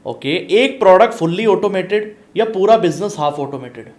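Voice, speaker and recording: A man hosting a business podcast, asking quick-fire questions and answering with short affirmations. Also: high voice, animated, darkish tone. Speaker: podcast host, business coach.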